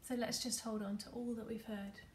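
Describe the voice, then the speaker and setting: A woman leading a gentle guided meditation while folding paper, talking softly with many fillers and often dropping to a near whisper. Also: on the high side, level tone, a little fast, a little hiss or hum. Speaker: meditation leader. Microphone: computer or phone camera.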